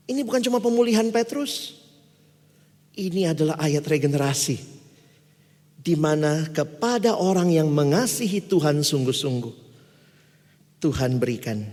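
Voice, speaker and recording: A man preaching a sermon in a lively, joking way, now and then mimicking the people he quotes. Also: on the high side, unhurried, pauses often. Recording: long hall reverb.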